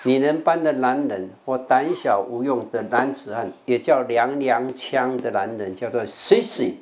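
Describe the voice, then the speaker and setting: Speaking in an unhurried, medium-pitched voice, an older Taiwanese monk teaches English vocabulary with a Taiwanese Mandarin accent. He coaxes the class by repeating words for them to practice pronunciation.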